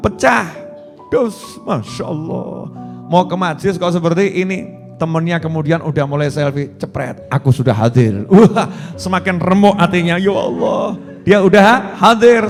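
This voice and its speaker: A man preaching in a big echoing hall, his voice sitting a little high for a man. He tells his stories with animated delivery and acts out the characters as he goes. Faint music runs behind him. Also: normal speed. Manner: lively storytelling, acting out voices. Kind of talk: sermon.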